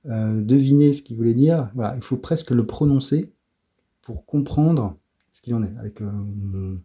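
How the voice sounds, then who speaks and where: A middle-aged man with a French accent giving a soft-spoken ASMR comic review, hesitant and often dropping to a whisper. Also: mid-range voice, breathy edge. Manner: hesitant, fills pauses with "euh" and "voilà", often drops to a whisper.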